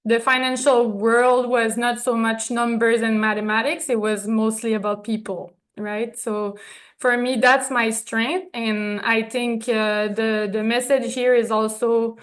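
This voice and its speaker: French-accented woman giving a thank-you speech, bit higher voice, stops to hunt for english words. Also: flat delivery, unhurried. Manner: searches for English words, many fillers, soft laughs. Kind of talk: stage acceptance speech.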